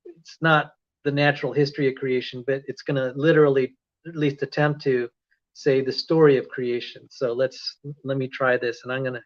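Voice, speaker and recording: A man's voice: mid-range voice, little pitch movement, normal speed. A man from the Philippines with an American accent, talking casually and rambling as an online lecturer on a livestream. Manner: rambling, self-correcting, chatty. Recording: dull lo-fi stream audio.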